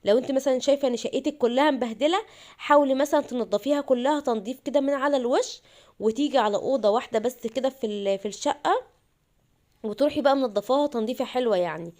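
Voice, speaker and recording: A woman's voice: high-pitched, quick pace, darkish tone. A young woman with an Egyptian accent, chatting to viewers while narrating a home cleaning vlog. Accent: Egyptian Arabic. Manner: chatty, addresses viewers directly. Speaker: vlogger.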